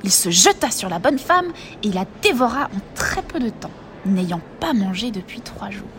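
A woman reading a fairy tale aloud in a measured, expressive storytelling voice. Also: mid-range voice, noisy background.

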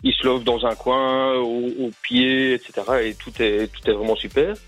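A man's voice: mid-range voice, flat delivery, moderate pace, faint music behind. A man calling in to a radio show, telling an anecdote in an easygoing, rambling way with frequent hesitations. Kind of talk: casual call-in chat, telling an anecdote.

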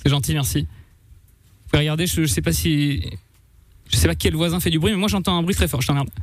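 A man's voice: on the high side, steady tone, brisk, dry recording. A man making a prank phone call, politely chatting while over and over slipping in the same rude phrase. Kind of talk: playful prank phone call during a game.

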